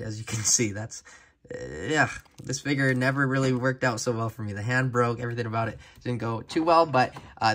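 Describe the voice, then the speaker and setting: Bright-voiced, upbeat toy-reviewing man. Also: medium pitch. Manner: chatty and enthusiastic, frequent "uh" fillers. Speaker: action figure reviewer. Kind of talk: casual toy review vlog.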